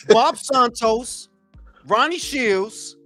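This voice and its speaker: A man's voice: very high-pitched, lively intonation, very slow, pushed and bright, soft background music. A man leading a casual boxing discussion in a slangy way, repeating phrases for emphasis. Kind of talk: casual chat.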